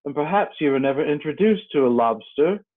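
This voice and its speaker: A man's voice: on the high side, animated, brisk. A melancholy storybook turtle acted out by a man speaks in a raised voice. He is earnest and emphatic, easily stirred. The sound is thin and phone-like. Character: melancholy male Mock Turtle, wistful and excitable. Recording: narrow tinny phone-like sound.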